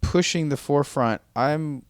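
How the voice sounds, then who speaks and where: A man co-hosting a casual podcast, playful and quick to laugh, often repeating the other host's words. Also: on the high side, clear, resonant tone, no room sound, clean studio sound. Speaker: podcast co-host.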